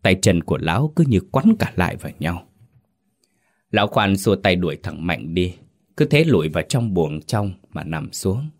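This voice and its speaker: A man with a very low voice narrates a folk ghost story. He reads slowly and steadily, in a measured storyteller's delivery.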